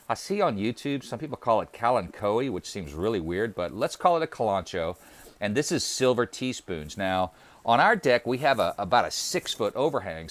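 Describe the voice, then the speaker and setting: A man with a somewhat low voice leads a relaxed tour of his deck garden. He talks plainly and easily, with the odd "uh" and "um", like a gardening host chatting to his viewers outdoors. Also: dry recording. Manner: relaxed, friendly, plainspoken with fillers. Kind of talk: casual garden tour walkthrough.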